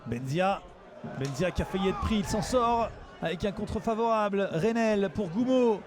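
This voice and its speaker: A man giving excited sports commentary as a football match commentator. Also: sits high, moderate pace, crowd noise. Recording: music and outdoor noise behind voice. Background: music.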